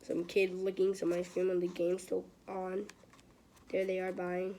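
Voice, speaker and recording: A woman with a fairly low, dark, monotone voice reads a children's book aloud without hurrying, stumbling casually and tossing in informal, chatty asides like the amateur she is. Clicks and obvious noise mark the home recording.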